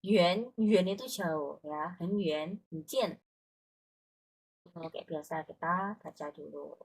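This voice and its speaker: A woman's voice: fairly low pitch, slow pace, slightly rough. A woman tutoring Mandarin, explaining patiently and often checking that her student follows. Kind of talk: online language lesson.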